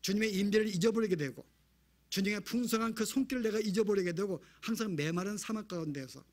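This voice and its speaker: Man, pastor, sermon, high-pitched, rhetorical questions, church sanctuary. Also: fast. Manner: preaches with rhetorical questions to the congregation.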